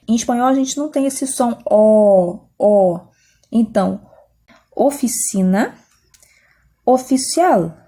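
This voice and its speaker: A woman's voice: a little high, animated, slow, pauses often, dark tone, breathy edge. A woman with a Brazilian Portuguese accent explaining a language lesson patiently, often checking in with her students. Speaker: Spanish teacher.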